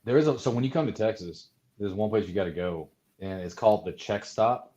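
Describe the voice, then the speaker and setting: A man's voice: fairly low pitch, fairly quick, warm tone, highs cut off. A man co-hosting a casual livestream, rambling through stories and reading viewer comments aloud. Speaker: livestream co-host.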